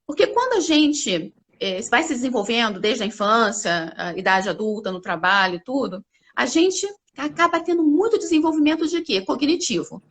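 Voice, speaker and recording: A woman speaking as a company CEO guest in a live interview, explaining ideas with animated examples. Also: a little high, moderate pace, slightly rough. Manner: animated, acts out examples with lively voices.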